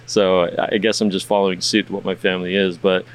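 A man hosts a podcast, chatting casually in an interview style that is rambling and laid-back, with occasional swearing. His voice is low-pitched and level, he speaks quickly, and the sound is clean.

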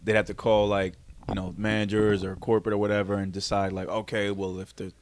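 A man's voice: on the low side, little pitch movement, a little fast. A man co-hosting a podcast in casual chat, laid-back and swearing freely as he talks. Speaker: podcast co-host.

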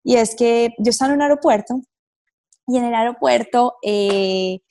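A woman, a wellness therapist and mother, telling her personal story as a guest. She speaks earnestly, with many fillers and slowed pauses. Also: a little high, warm tone, a little hiss or hum.

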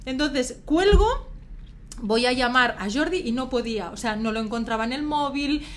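A woman tells a story in relaxed conversation and acts out the dialogue with feeling. Her voice sits fairly high. A faint noise runs under the recording. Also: moderate pace. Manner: animated storyteller, acts out quotes with rising emotion. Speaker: guest telling her adoption story. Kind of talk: casual chat.

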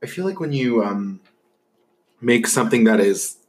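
A young man hosts a relaxed podcast, chatting over food. His talk is loose and filled with fillers and quick laughs. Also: mid-range voice. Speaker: podcast host. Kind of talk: casual chat while eating.

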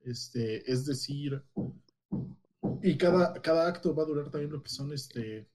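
A man's voice: fairly high pitch, measured pace, darkish tone. A man giving a casual, hesitant, explanatory gaming news report as a podcast co-host.

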